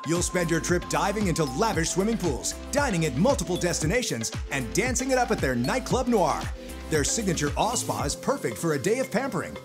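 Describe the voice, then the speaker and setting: A man's voice: on the high side, big pitch swings, brisk. A man reading a scripted prize promotion as a show announcer. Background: music.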